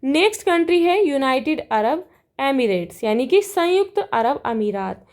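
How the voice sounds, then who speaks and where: Woman teacher, high pitch, patient worksheet walk-through. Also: animated, a little mellow. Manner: reads English lines slowly, then explains in Hindi. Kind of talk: worksheet lesson explanation.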